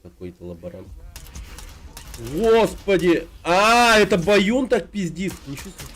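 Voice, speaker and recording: A man in his thirties from Russia chatting casually on his game stream, relaxed and rambling, with lots of filler words. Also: high-pitched, unhurried. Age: 30s.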